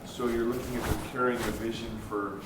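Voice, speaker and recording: A man's voice: medium pitch, little pitch movement, fairly quick. A man speaking earnestly and reflectively in casual talk. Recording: distant, very echoey, with clear background noise.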